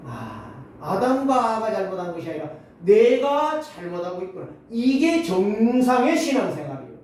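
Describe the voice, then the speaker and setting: A man in his sixties preaching a Sunday sermon, swinging between loud exclamations and low asides. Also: very animated, moderate pace. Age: 60s. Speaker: pastor. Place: church sanctuary. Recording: very echoey hall, mic at a distance.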